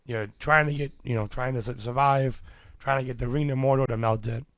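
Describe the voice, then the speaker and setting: A man co-hosting a podcast, with a raspy voice gone hoarse from illness, explaining a topic steadily with fillers. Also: medium pitch, steady tone, brisk, no room sound, studio quality. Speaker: podcast co-host. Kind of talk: casual chat about tabletop games.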